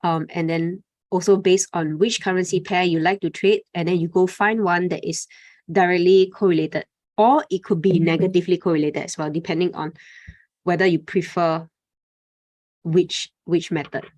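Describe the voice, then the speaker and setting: Woman, lowish voice, trading webinar instructor, casual with filler words, dry close mic. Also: fairly even intonation, normal speed, a little mellow, no room sound, lo-fi sound. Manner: conversational, frequent "okay" and "right?" tags, fillers. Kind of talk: live webinar presentation.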